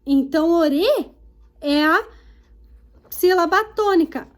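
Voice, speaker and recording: This is a Brazilian woman teaching young children in a recorded lesson, her voice sitting very high. She talks unhurriedly and leans on each example word, stretching it out syllable by syllable. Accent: Brazilian Portuguese. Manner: slow, drawn-out words spelled out syllable by syllable for children.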